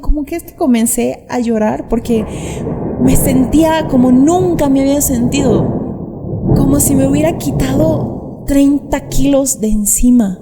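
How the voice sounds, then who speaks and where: A young vlogger gives her testimony to the camera outdoors, earnest and emotional, now and then acting out what other people said. Her voice sits high with a warm tone, and the camera mic captures a sound like a large hall.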